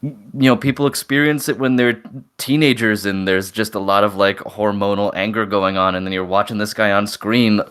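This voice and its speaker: A man with a low, smooth and resonant voice talks on a fan podcast panel. He rambles enthusiastically, piling up fillers as he goes. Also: steady tone, moderate pace, a bit bright. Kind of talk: casual chat.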